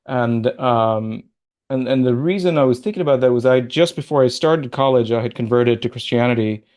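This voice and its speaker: Here the same Middle Eastern sociology professor, Qatar-born and Oman-raised, talks at a moderate pace in a mid-range, darkish voice. As a guest in a video-call interview, he stays thoughtful, though he rambles and restarts while remembering.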